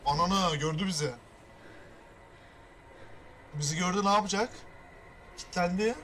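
A young man giving casual reaction commentary, with loud startled exclamations and constant swearing. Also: high voice, unhurried, slight background noise. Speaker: reaction video creator.

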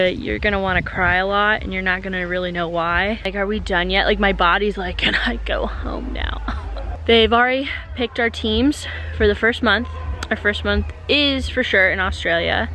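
A woman's voice: medium pitch, moderate pace, bright, forceful tone, rough recording. A young woman vlogging outdoors at a wooded campsite with a handheld camera at arm's length, talking in a candid, chatty, self-deprecating way. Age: young adult. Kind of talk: casual vlog. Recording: outdoor camp noise, crowd behind.

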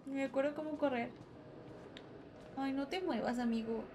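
High-voiced Mexican woman streaming a horror game. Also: normal speed, background noise. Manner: jumpy, nervous, chatting with viewers. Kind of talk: live gameplay commentary.

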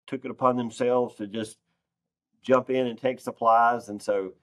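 With a mid-range voice at normal speed and a steady tone, the farm organization president offers earnest, plain-spoken interview replies. He's on a video call via computer microphone from a wood-paneled indoor conference room.

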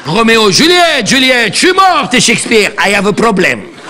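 Again playing the comic grandmother, chatty, bossy and elderly, he scolds the audience and repeats himself in this live stand-up character act at a theatre. Here the voice is very high-pitched with big swings in pitch, at normal speed, with background noise present.

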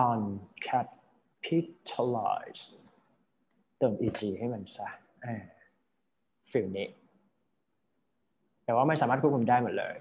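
Slow-paced man teaching vocabulary. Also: medium pitch, a little mellow. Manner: explains word by word, often checks understanding. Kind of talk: English vocabulary lesson.

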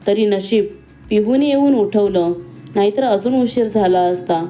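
A woman voicing a young female college student who talks in a quick, teasing and pointed way. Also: mid-range voice, warm tone, natural voice. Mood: spirited.

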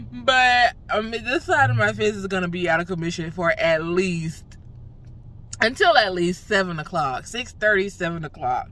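Young woman vlogging from her car, mouth numb from the dentist so she slurs, bright voice, cussing and cracking up. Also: medium pitch, normal speed, a little hiss or hum. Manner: slurred, laughing at herself, expressive and profane. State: numb swollen mouth after dental work, slurred speech. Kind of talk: casual vlog rant.

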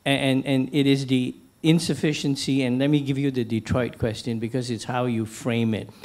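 A middle-aged man from Malaysia moderates a panel from the stage of a large lecture hall, holding a handheld microphone. He talks in a measured, anecdotal way, often restarting his sentences. His pitch sits in an ordinary middle range. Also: flat delivery, darkish tone. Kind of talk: panel discussion, posing questions.

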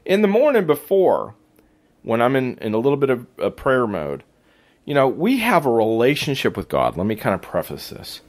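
Hoarse man with a lively voice. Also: mid-range voice. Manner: laid-back, slangy, self-deprecating. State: hoarse, raspy voice. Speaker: podcast host. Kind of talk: casual faith podcast talk.

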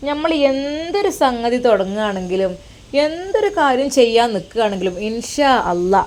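A woman doing a gentle, devout old mother. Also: fairly high pitch, very animated, normal speed. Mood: advising. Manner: gentle, soothing, motherly advice. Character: elderly devout mother, tender and teasing.

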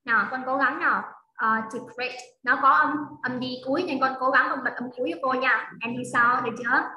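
A woman's voice: sits high, steady tone, brisk, echoey room, muffled recording. A woman teaching English to a child in a one-on-one online lesson, patient and coaxing as she repeats drills. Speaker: English tutor. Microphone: video call.

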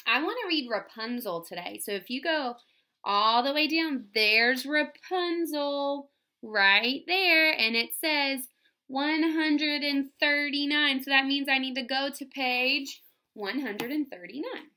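A woman's voice: high voice, slow pace, pushed and bright. A woman teacher reading a fairy tale aloud to young children, stopping to explain words and ask the class questions. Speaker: first-grade teacher.

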